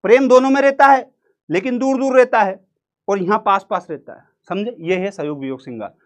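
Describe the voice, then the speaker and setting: A man's voice: sits high, a little fast. A man teaching an exam-prep literature lesson in a playful, joking way with a central Indian Hindi accent, acting out quotes and singing snippets. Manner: playful, jokey, acts out quotes and sings snippets.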